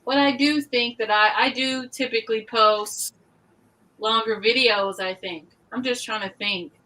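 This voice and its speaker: A woman with a bright, forceful tone makes wry, blunt remarks in a casual live-stream chat. She pauses as she works through her thoughts on a video call. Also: a little high, fairly even intonation, low-quality recording. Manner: wry and blunt, hesitant while thinking. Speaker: booktuber on a panel.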